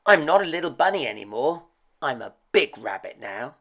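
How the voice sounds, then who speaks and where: Man voicing an excitable, high-pitched little boy rabbit. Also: normal speed. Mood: indignant. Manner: pleading, excitable, protesting. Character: young boy rabbit, indignant, insisting he is big.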